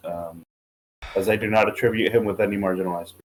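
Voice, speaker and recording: A man's voice: on the low side, steady tone, fast, a little hiss or hum, low-quality recording. A man chatting casually and jokily as one of the players in a game stream. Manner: jokey, laughs often. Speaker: let's play commentator. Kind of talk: casual banter.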